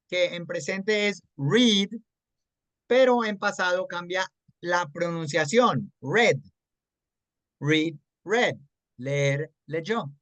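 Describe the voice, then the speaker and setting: Slow, patient Colombian English teacher. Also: mid-range voice, a bit bright, no room sound. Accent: Colombian Spanish. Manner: patient, checks understanding often; mixes English words into Spanish explanation. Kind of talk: explaining grammar to a student. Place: online class.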